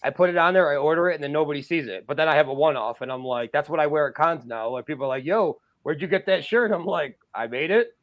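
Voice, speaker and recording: A man chatting casually as a podcast guest, talking excitedly with lots of fillers about his art. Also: a little high, fast, hardly any pauses, highs cut off. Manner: excited, rambling, many fillers. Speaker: guest artist.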